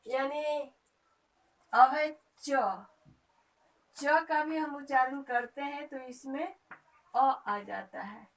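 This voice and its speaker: A woman's voice: high voice, steady tone, takes it slowly, recorded from a distance, rough recording. A woman teacher giving a grammar lesson to young children, reciting letters one by one and asking the pupils questions.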